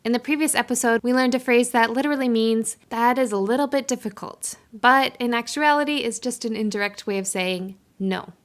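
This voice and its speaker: A woman hosting a podcast, reading a scripted intro in a friendly, clear, explanatory way. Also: a little high, brisk, hardly any pauses. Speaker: podcast host.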